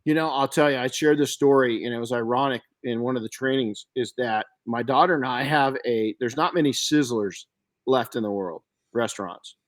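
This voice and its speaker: An older man hosting a podcast, telling stories in an animated way with frequent restarts. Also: mid-range voice, normal speed. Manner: animated storyteller with many restarts. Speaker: podcast host. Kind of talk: casual podcast chat.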